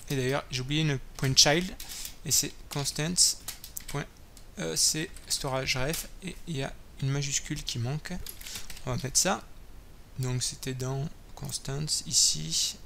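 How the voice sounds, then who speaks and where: A man's voice: medium pitch, steady tone, unhurried, vocal fry, pushed and bright, a little hiss or hum. A man hosting a coding tutorial, thinking aloud while typing, with many fillers and self-corrections. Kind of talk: screen-recorded coding tutorial. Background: keyboard typing and clicks.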